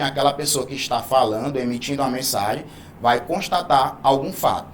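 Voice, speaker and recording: There's slight background noise as a man with a somewhat high voice walks viewers through Portuguese grammar on video. He teaches patiently, elongating key words and checking understanding often with "né?" and "tá?".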